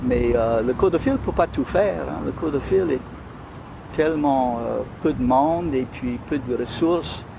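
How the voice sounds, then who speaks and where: A man speaks with a Louisiana French accent in a conversational interview. He is hesitant, often searching for the right word, at an ordinary pitch. There is clear outdoor urban noise behind him. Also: measured pace. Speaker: interview guest.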